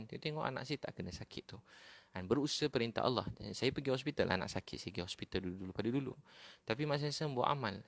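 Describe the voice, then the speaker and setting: Gravelly low-voiced preacher. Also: male voice, a bit bright, dry recording. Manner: conversational, peppered with "ha" fillers and repetition. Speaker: Islamic preacher. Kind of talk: informal religious talk.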